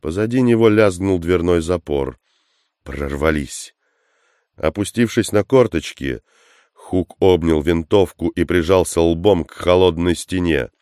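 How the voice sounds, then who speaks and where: A man with a very deep, smooth, resonant voice narrates an action story. His reading is measured and steady. The sound is close and dry, with no room around it. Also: no room sound. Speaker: audiobook narrator. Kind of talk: scripted narration.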